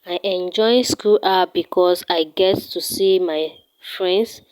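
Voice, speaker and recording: On a low-quality recording, a teenage Nigerian student describes her home and everyday routine step by step. Her Nigerian-accented voice is slightly low, clear, and resonant, and she speaks slowly and carefully at a steady pace.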